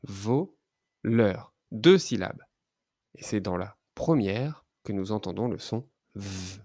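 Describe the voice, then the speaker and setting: A man teaching a child to read, sounding out letters and syllables slowly and carefully. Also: on the low side, dark tone, no room sound, clean studio sound. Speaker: reading teacher. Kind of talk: children's phonics lesson.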